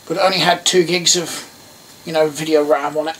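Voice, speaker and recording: A middle-aged English host of a DIY electronics video works through a casual hands-on tutorial in a small indoor workroom, rambling and thinking aloud. He speaks briskly in a slightly high, fairly bright voice with little pitch movement. Background noise is present, and the mic is distant.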